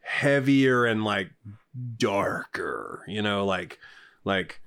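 A man's voice: fairly low pitch, animated, very slow, creaky, fairly bright tone, clear, resonant tone. Joking rambling man chatting about music. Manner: joking and rambling, swears, many fillers. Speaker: podcast co-host. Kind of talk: casual chat reviewing an album.

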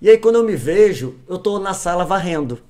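A young adult man with a Brazilian Portuguese accent, telling a personal story as a podcast guest in casual chat, animated and repeating phrases for emphasis. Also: high-pitched, a little fast.

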